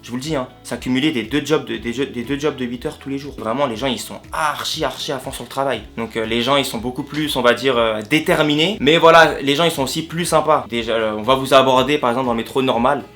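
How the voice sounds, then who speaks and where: A man from France talks to his viewers in a quick, easygoing vlog style. He leans on slang and keeps circling back to rephrase what he just said, with soft guitar music playing faintly behind him. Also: mid-range voice. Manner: slangy, repeats and rephrases himself. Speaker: vlogger. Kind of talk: casual storytelling vlog.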